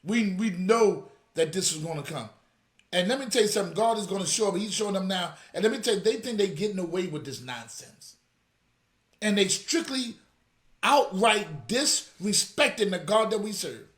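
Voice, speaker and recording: A man's voice: sits high, animated, normal speed, a bit bright, roomy sound. A man hosting a religious commentary show, fiery and scolding, calling out to his audience directly. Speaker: apostle and show host. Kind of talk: reaction commentary.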